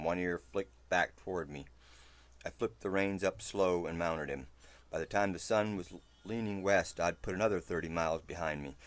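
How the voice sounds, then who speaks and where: A man reading a first-person western story aloud, in a steady, low narration.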